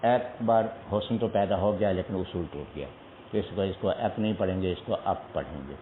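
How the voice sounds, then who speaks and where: A man's voice: low voice, a little hiss or hum. A man teaching a Quran recitation lesson, patiently spelling out pronunciation syllable by syllable. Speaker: religious teacher. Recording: echoey tinny lo-fi broadcast audio.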